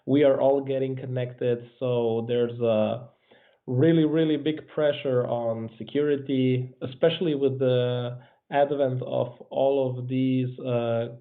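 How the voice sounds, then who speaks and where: A man's voice: medium pitch, little pitch movement, slow pace. A man hosting a meetup, moderating the Q&A in a casual, hesitant way full of fillers. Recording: tinny phone-like online stream audio.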